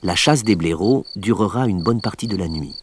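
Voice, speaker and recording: Low-voiced man narrating a nature documentary. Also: expressive, noisy background. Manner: measured, explanatory storytelling.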